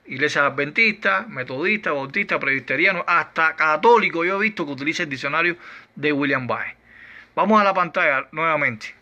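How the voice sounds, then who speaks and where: A man teaches scripture like a preacher, pressing his case through one rhetorical question after another. His voice is slightly high and very bright, with a sharp, forceful edge. He draws out key words slowly for emphasis. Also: expressive, lo-fi sound. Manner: slow, emphatic delivery with drawn-out words. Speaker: Bible teacher. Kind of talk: doctrinal Bible lesson.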